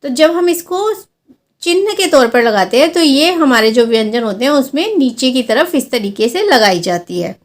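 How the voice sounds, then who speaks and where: Woman, language teacher, high pitch, patient step-by-step explanation, stretched-out example words. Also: very animated. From India. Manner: slow, careful explanations, drawing out sample words to show long and short vowels. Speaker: Hindi teacher. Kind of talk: classroom-style lesson explaining vowel signs.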